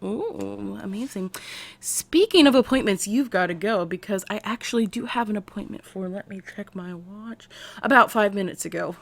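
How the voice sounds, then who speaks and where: A woman's voice: mid-range voice, normal speed, creaky. Woman playing Hange Zoe, eccentric American scientist therapist. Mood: brisk, flustered. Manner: animated, chatty, drops into soft whispers. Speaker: ASMR roleplay performer. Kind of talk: intimate ASMR character roleplay.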